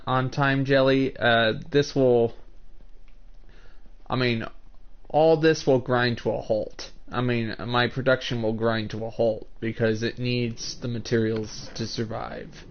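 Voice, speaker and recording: Steady in tone and measured in pace, a mid-range male voice in his twenties gives relaxed commentary on a building game stream. He explains each step and chats with viewers by name over a muffled, lo-fi stream mic.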